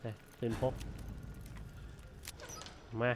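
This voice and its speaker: This gameplay streamer is a man who speaks extremely slowly, with background noise in the clip. Playing a horror game demo in a casual let's-play, he mutters to himself and erupts in startled, excitable, jumpy outbursts.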